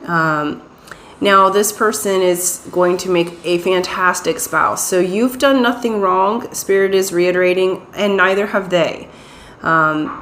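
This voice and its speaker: A woman giving a gentle, unhurried pick-a-card tarot reading, pausing often with soft fillers. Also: on the low side, a little hiss or hum. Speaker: tarot reader.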